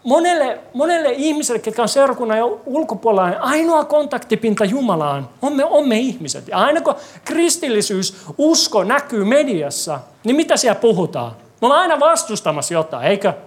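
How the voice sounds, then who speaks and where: A preacher delivering a sermon in a church hall, asking the congregation lively rhetorical questions and adding wry, joking asides. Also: medium pitch, few pauses.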